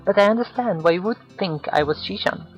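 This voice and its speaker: A man's voice: high voice, brisk, highs cut off, faint music behind, voice pushed up, natural voice. A man voicing a bubbly, chatty teenage schoolgirl who giggles and talks in a sing-song way.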